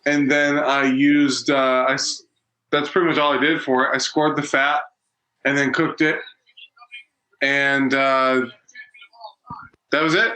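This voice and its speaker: A man's voice: mid-range voice, flat delivery, unhurried, pauses often, bright, forceful tone, low-quality recording. A man co-hosting a casual watch-along podcast, rambling with many fillers and restarts. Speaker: podcast co-host. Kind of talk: casual chat.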